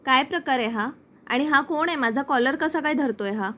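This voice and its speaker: A wronged, bewildered young husband, voiced by a woman recapping a serial. The tone is light and a little high. The lines are read plainly. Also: normal speed, pushed and bright. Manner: plain reading of quoted lines.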